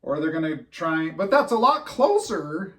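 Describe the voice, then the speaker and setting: A man's voice: a little high, sing-song, measured pace, fairly bright tone, distant mic. A man co-hosting a podcast in casual chat, rambling and laughing at his own jokes. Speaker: podcast co-host.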